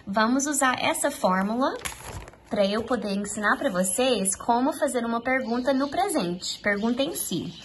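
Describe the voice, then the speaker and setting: A young adult woman from Brazil, a native Portuguese speaker, teaching an online English lesson in a patient, encouraging way and slipping into slow classroom English. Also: a little high, expressive, slight background noise, low-quality recording.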